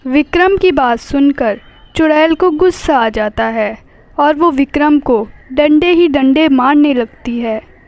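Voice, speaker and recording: A woman's voice: high-pitched, takes it slowly, a little mellow, no room sound. Woman narrating a cartoon, dry. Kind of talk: scripted storybook narration.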